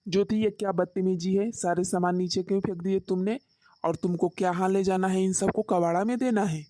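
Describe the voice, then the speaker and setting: A young husband from a cartoon story, impatient and demanding answers, as a woman voices him. The tone is dark and mellow at a middle pitch. It is recorded close, with no room echo. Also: fairly even intonation, a little fast, natural voice. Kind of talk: Hindi cartoon story voice acting.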